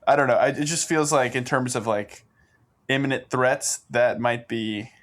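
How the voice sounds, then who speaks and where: A man's voice: mid-range voice, steady tone. Hesitant man chatting as a player. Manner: halting, searching for words. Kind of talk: casual chat.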